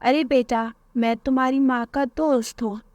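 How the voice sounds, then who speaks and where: A woman voicing a sly male thief who sweet-talks children in a cartoon story, with a coaxing, quick manner. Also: sits high, steady tone, a little mellow, no echo, natural voice.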